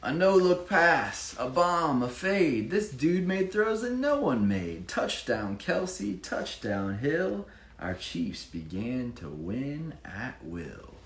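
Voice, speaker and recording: A male children's author performs a rhyming picture book with dramatic emphasis and informal asides, his mid-range voice sing-song and slow, with hardly any pauses. Faint background noise and room echo color the recording.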